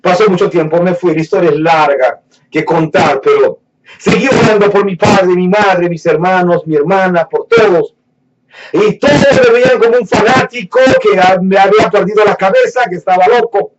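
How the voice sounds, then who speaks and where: A man giving a fervent sermon testimony, dropping to hushed low lines and rising to raised fervent ones, slowing down to stretch words for emphasis. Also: noisy background. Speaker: preacher giving his testimony. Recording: distant mic, dull lo-fi sound.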